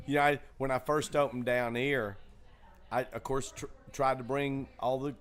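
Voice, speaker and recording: A comedy club owner and co-host chats casually in a green room, telling long, rambling stories packed with fillers and restarts. His mid-range voice has a steady, fairly bright tone and a normal speed.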